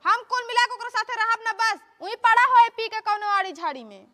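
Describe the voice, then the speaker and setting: Actress as indignant village wife in comedy skit, Awadhi accent, very high-pitched, piercing, scolding. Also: female voice, a little fast, bright, forceful tone. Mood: indignant, complaining. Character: fed-up, feisty village wife, threatening and complaining.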